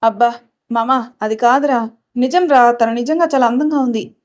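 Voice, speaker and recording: A man's voice: very high voice, normal speed. A woman voicing a pushy, playful young male college student who coaxes his friend in a storybook reading. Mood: coaxing. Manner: coaxing, teasing.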